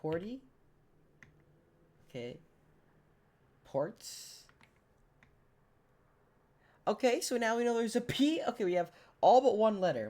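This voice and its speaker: A man whose voice is hoarse from a cold, rambling in a casual, self-deprecating way while commenting on a word game. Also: a little high, a little mellow. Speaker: gaming channel host.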